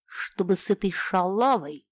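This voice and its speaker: A woman voicing a coarse, bullying middle-aged husband who snarls threats in a rough voice. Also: mid-range voice, animated, a little slow, dry recording, studio quality. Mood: menacing.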